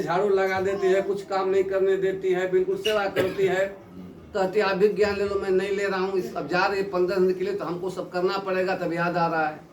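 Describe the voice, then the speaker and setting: A man preaches a devotional sermon, telling parables and acting out the people in them. His voice sits high and carries an animated emotional lift. It is picked up from a distance in a reverberant hall with steady background noise. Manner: storytelling with voiced dialogue, rising emotional emphasis. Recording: echoey hall, distant mic, noisy ambience.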